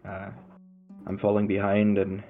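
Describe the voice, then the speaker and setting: A man's voice: on the low side, completely flat delivery, unhurried, faint music behind, natural voice. A man voicing a worried, humble innkeeper in a tabletop game, talking in a hesitant, stammering way with rustic grammar. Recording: tinny phone-like line.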